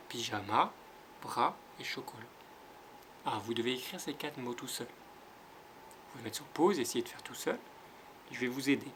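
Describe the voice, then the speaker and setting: A man with a French accent, a kindergarten teacher giving a home-school phonics lesson, sounding out letters slowly and clearly. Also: mid-range voice, background noise.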